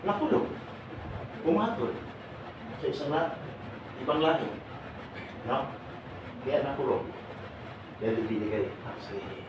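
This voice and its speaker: A man's voice: medium pitch, big pitch swings, measured pace, long pauses. A middle-aged man speaking at a seminar, asking the audience questions, joking and laughing often. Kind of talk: lively lecture to a live audience. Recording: echoey room from far off, noisy.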